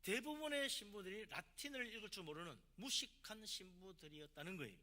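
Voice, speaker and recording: A man's voice: sits high, lively intonation, fairly quick, bright, forceful tone. A man, a pastor from South Korea, preaching a sermon with emphatic delivery and rhetorical questions.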